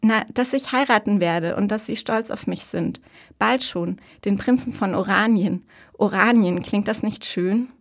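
A woman voicing an excited young girl who is about to be married, talking in a breathless, bubbly rush. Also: medium pitch, a little slow. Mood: dreamy.

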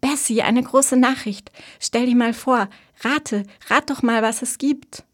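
A woman voicing an excited young girl who is about to be married, talking in a breathless, bubbly rush. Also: mid-range voice, normal speed, close to an everyday voice.

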